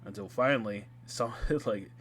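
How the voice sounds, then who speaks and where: A man talking casually over his gameplay as a gaming YouTuber, chatty and quick to laugh at himself. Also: on the low side, fairly bright tone, breathy edge. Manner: chatty, laughs at himself, restarts mid-sentence. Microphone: home gaming mic.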